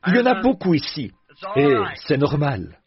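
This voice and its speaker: Older preacher man with a lively voice. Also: a little high, moderate pace, a crowd in the background. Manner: folksy and joking, chatting with the congregation. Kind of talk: sermon. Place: church platform before a congregation. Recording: muffled old recording, audience heard.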